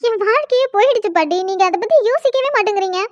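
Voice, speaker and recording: A woman voicing a furious young woman in a cartoon who scolds and complains with shrill indignation. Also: expressive, racing, no room sound, muffled recording. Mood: indignant. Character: young woman, furious, newly forced into marriage. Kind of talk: cartoon dialogue.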